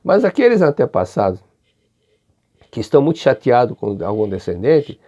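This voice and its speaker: In an unhurried religious study lecture, an older Brazilian Portuguese-accented man keeps restarting and repeating his phrases. His medium-pitched voice is dark in tone and swings widely in pitch, with the upper frequencies missing from the audio.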